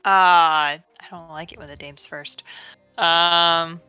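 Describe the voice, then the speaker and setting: A woman playing a tabletop game, thinking aloud slowly with many ums as she decides her moves. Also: fairly low pitch, steady tone, bright, forceful tone, smooth, no echo, lo-fi sound, faint music behind. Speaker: player.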